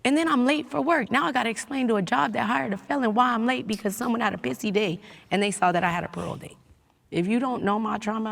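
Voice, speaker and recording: A woman's voice: mid-range voice, creaky. A woman on parole giving an earnest, impassioned account of her experiences in a group discussion. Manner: earnest, impassioned, laughs often. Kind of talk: emotional personal testimony.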